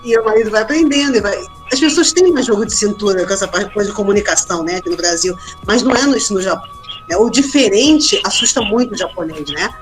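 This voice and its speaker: A woman's voice: medium pitch, lively intonation, fast talker, soft background music. Chatty Brazilian woman telling stories. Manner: chatty storyteller, frequent tag questions. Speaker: guest. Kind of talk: casual interview chat.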